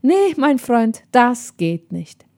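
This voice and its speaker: Middle-aged male fugitive, put on by a woman reader: slow, hissing, sneering menace in a storybook reading. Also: a little high, very animated, darkish tone, full character voice.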